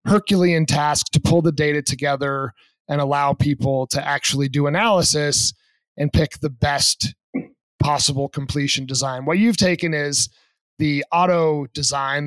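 Guy hosting a podcast, kinda high voice, dry close sound, punny and sums stuff up. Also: a bit bright, no room sound. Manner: jokey, repeats his puns, sums up the guest's points. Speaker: podcast host. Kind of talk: casual podcast interview.

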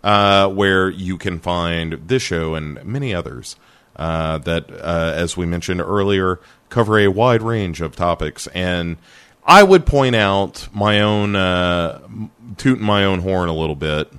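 Deep-voiced podcast host guy, smooth clear voice, rambly and jokey, dry sound. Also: a little slow, a bit bright, no echo. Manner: rambling, joking, many fillers. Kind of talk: casual chat.

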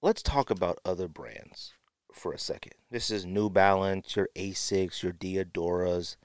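His low voice moves at a measured pace with a clean tone as he hosts a podcast, offering opinionated commentary. A runny nose makes him sniffly, and he repeats phrases for emphasis. The sound is dry and studio quality from a close podcast microphone.

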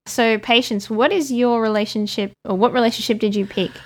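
A woman's voice: fairly high pitch, steady tone, brisk. A woman running a tabletop game as game master, encouraging the players with questions.

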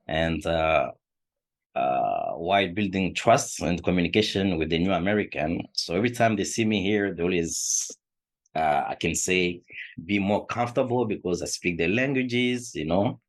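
A middle-aged man from the Democratic Republic of the Congo, a food shelf supervisor, answers interview questions in English, which is not his native language. His low voice has lively intonation and moves at normal speed, with many hesitations and restarts.

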